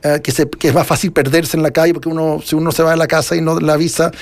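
A middle-aged man with a Chilean accent talks about his own writing. His voice sits high, and he rambles reflectively, with many fillers and restarts. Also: little pitch movement, fast talker. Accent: Chilean Spanish. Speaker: author being interviewed. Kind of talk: casual interview conversation.

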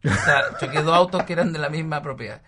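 A man telling stories in a casual chat, acting out quotes loudly. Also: fairly high pitch, fast talker, noisy background. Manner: animated storyteller, acting out shouted quotes.

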